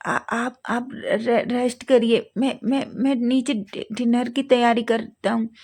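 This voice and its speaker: A woman's voice: a little high, steady tone, slow pace, darkish tone. Woman voicing a nagging young man. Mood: flustered. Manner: scolding, nagging, stammers when flustered. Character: caring young man who scolds his love.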